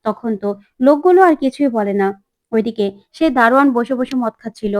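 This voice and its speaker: With a somewhat high, slightly mellow voice and a little fast pace, a woman retells an episode of a TV serial. She plays all the characters, altering her voice slightly for each, in clean studio sound with no room tone.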